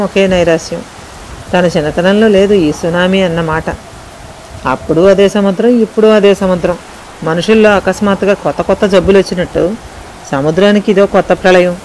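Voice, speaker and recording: A woman storyteller reading a scripted story narration in a slow, steady way. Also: on the low side, a little hiss or hum, poor audio.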